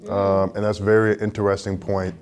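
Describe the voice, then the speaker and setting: A young man from the United States, chatting casually on a panel and telling stories with lively acted-out quotes. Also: sits low, brisk. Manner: animated storytelling, acts out quotes. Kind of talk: casual group chat. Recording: background music.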